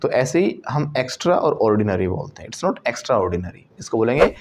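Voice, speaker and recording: Mixing Hindi and English, an Indian-accented male teacher takes his class through a lesson, saying words slowly and repeatedly so students can copy them. He has a mid-range, sing-song, slightly mellow voice.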